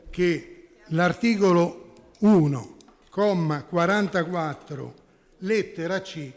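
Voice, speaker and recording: Brief: councillor, man, fairly high voice, combative, stop-start, reverberant hall. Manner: argumentative, corrects himself often. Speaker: town councillor. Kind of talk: formal council debate. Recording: echoey council chamber.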